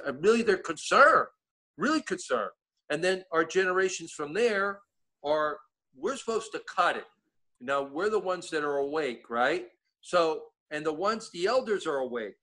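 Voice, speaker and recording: A man's voice: on the high side, bright, forceful tone. A man with an East Coast American accent, chatting casually as a guest and rambling through many restarts. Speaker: guest giving updates. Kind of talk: casual chat.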